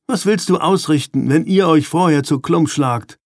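A man's voice: fairly high pitch, moderate pace, no echo, studio quality, pitched above the performer's own voice, lightly acted. A man voicing a bold eleven-year-old boy, the older brother, with a firm, scolding manner.

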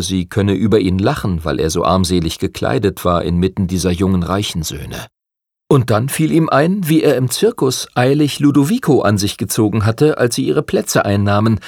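Low gravelly male storyteller. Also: darkish tone, no echo, studio quality. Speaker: audiobook narrator. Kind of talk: scripted narration.

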